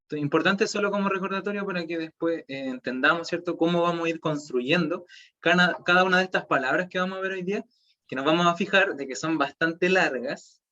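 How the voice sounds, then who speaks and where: A man's voice: fairly high pitch, a little fast, sharp tone, dull audio. A man with a Chilean Spanish accent teaching a language class online, explaining step by step and checking in with students often.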